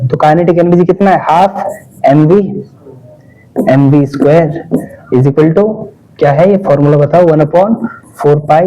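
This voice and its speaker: A man's voice: on the high side, warm tone, a little hiss or hum, poor audio. A male physics teacher lecturing a class, coaxing students by quizzing them with repeated questions and mixing his talk.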